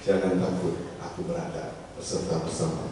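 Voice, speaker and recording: A man playing a calm, commanding Christ figure in a church skit, speaking in a deep, solemn voice. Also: fairly quick, crowd noise. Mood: solemn inviting. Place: church hall. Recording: echoey church hall from far off.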